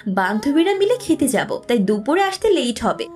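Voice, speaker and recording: A timid college-age little sister, voiced by a woman in an audio drama. Her voice is very high and swoops around, pleading and childlike. Faint music runs underneath. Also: very animated, moderate pace, darkish tone.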